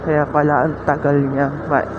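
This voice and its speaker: A woman's voice: low voice, completely flat delivery, normal speed, lo-fi sound. A woman motorcycle vlogger and mother chatting casually outdoors on a street, laughing often. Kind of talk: casual vlog chat. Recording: loud street traffic noise. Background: loud traffic.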